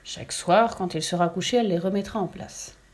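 A woman voicing a small boy god who talks in a brisk, offhand way. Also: lowish voice, darkish tone, natural voice. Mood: matter-of-fact. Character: small boy god, childish and matter-of-fact.

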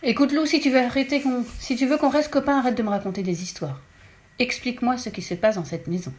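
A woman's voice: on the high side, fast talker, a little mellow, voice pushed up, lightly acted. A woman voicing a young schoolboy, the vampire boy's human friend, who talks in a raised, startled voice. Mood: insistent. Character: frightened little boy friend.

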